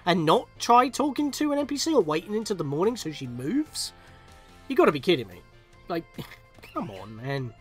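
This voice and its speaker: A let's play streamer gives chatty, casual commentary on a video game, reading on-screen text aloud and reacting to it. He has a high, sing-song, slightly bright and husky voice at a moderate pace. Faint music sits in the background.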